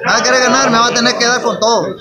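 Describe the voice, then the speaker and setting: High young guy from guatemala, a boxer, stops and restarts a lot, loud crowd chatter around him. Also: fairly even intonation, heavy reverb, long reverb tail. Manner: earnest, halting with many restarts. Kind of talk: press-day interview. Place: large crowded indoor hall at a press event.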